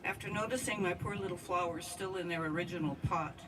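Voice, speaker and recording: A woman's voice: fairly low pitch, a little fast. Heartfelt woman giving a eulogy from afar. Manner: heartfelt, speaks straight to the departed friend. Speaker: eulogy speaker. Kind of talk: memorial eulogy. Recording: distant mic with outdoor noise.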